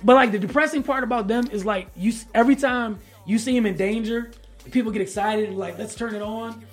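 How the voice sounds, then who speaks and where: Husky guy w a high voice, co-hosting a sports podcast, gets loud and slangy making his point. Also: fast talker, faint music behind. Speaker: podcast co-host. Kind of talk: casual sports talk.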